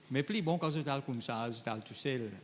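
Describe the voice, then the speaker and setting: In a big-room recording with a little hiss or hum, a medium-pitched male pastor preaches in a conversational way. He reads Bible verses, then talks straight to the congregation, mixing French with Creole phrasing.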